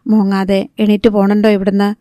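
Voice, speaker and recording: Woman reading a harried village mother for an audiobook: sharp when scolding, gentle when soothing, mellow and smooth, dry close sound. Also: medium pitch, monotone, quick pace, no room sound, lightly acted. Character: stern, harried young fishing-village mother.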